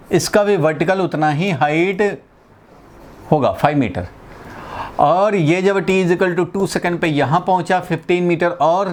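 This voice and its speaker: A man from India giving a physics lesson, explaining step by step, repeating key phrases and checking in with his students. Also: on the high side. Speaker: physics teacher. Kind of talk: classroom lecture.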